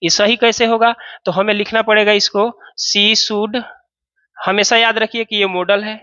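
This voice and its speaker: A man's voice: high-pitched, little pitch movement, unhurried, sharp tone, no echo, lo-fi sound. A man teaching an English grammar lesson, explaining step by step and asking and answering his own questions.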